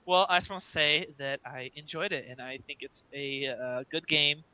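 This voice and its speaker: A man's voice: on the high side, moderate pace, sharp tone. A young man co-hosting a casual gaming podcast, chatty and often restarting his sentences. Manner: chatty, trails off and restarts mid-thought. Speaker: podcast co-host. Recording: muffled lo-fi podcast audio.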